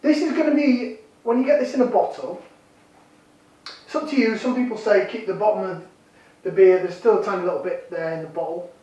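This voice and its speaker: A man's voice: high-pitched, brisk, pauses often, warm tone, recorded from a distance, highs cut off. Chatty man in an echoey room. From Yorkshire, England. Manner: chatty, jokey, self-deprecating. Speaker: beer reviewer. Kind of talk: casual vlog review.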